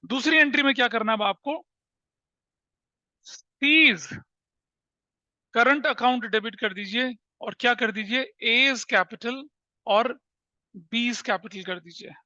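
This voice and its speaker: A man's voice: extremely high pitch, takes it slowly, pauses often, pushed and bright, dry recording, highs cut off. A man teaching accountancy in a classroom with an Indian accent, explaining step by step and asking rhetorical questions. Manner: explaining with rhetorical questions, mixing English terms. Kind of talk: classroom lecture.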